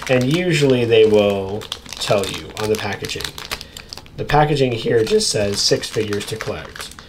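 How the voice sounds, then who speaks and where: A man with a fairly low voice, speaking at normal speed, hosts an unboxing video at an indoor tabletop with casual, chatty commentary and relaxed asides to viewers. Background noise is clearly audible, with crinkling packaging and plastic bags plus clicks.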